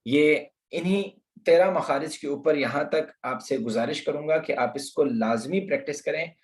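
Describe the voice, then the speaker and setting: A man's voice: fairly high pitch, normal speed. A man teaching Quran pronunciation in an online lesson, patiently explaining and repeating letter sounds for practice. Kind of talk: slow online tajweed lesson. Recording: roomy echo.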